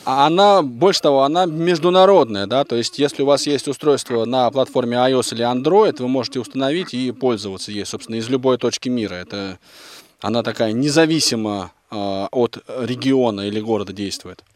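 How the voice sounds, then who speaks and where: A man's voice: mid-range voice, a little fast, dry recording. A man co-hosting a live call-in show, explaining at length and pressing his points with probing questions. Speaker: radio co-host.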